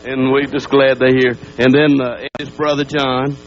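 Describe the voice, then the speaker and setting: A man, introducing guests on a live TV show as a brisk, chatty emcee. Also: medium pitch, level tone. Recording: dull lo-fi broadcast tape with hum.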